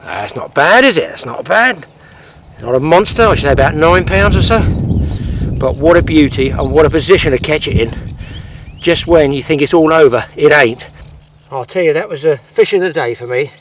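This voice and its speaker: A middle-aged man, talking casually while fishing at a lakeside and getting excitable when fish bite. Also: on the high side, a little fast. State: out of breath. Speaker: angling presenter. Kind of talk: outdoor fishing demonstration. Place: outdoors at a lakeside. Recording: faint outdoor noise.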